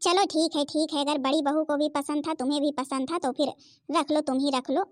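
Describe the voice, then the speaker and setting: A woman's voice: sits high, steady tone, fairly quick, no room sound, lightly acted. A woman voicing a middle-aged mother-in-law in a cartoon, soothing and reasoning. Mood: concerned.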